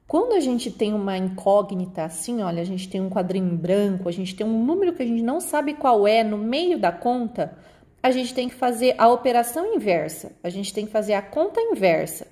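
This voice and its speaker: A woman with a Brazilian accent teaching young pupils a remote lesson, patiently slowing down to spell out example words. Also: mid-range voice, very animated, dark tone. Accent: Brazilian Portuguese. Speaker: primary school teacher.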